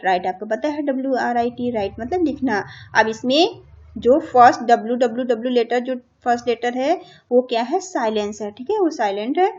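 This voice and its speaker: A woman teacher with an Indian accent who spells words out letter by letter for young children, stretching out English phrases very slowly. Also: a little high, darkish tone. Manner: spells words letter by letter, says "theek hai" after each point. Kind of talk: school lesson for young children. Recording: muffled lo-fi recording.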